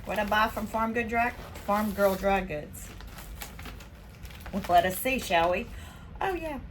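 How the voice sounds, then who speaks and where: A woman from Spain hosting a casual haul vlog, chatting excitedly as she unboxes her purchases. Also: mid-range voice, measured pace, a little hiss or hum. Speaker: vlog host.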